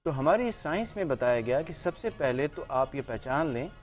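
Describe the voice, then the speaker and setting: A man appearing as a guest expert on a studio talk show, answering in a calm, explanatory way. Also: on the high side, normal speed, soft background music. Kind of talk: studio interview.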